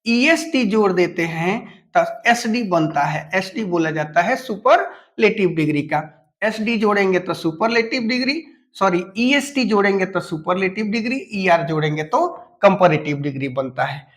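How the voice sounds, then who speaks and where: A man's voice: sits high, expressive, normal speed, fairly bright tone. A man teaching an English lesson, explaining patiently step by step, spelling words out letter by letter and addressing students familiarly. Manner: speaks to students familiarly and asks them questions. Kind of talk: classroom lesson.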